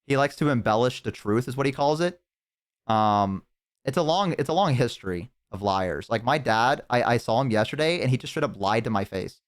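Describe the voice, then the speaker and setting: A young man chatting casually on a live stream, telling rambling, profane stories to his chat and slipping into animated impressions. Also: mid-range voice, brisk. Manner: talks to chat.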